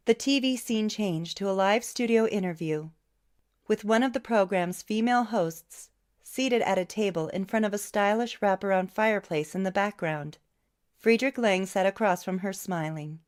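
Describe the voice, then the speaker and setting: A woman reading a novel aloud as an audiobook narrator, in a steady, even storytelling way. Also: mid-range voice. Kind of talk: scripted narration.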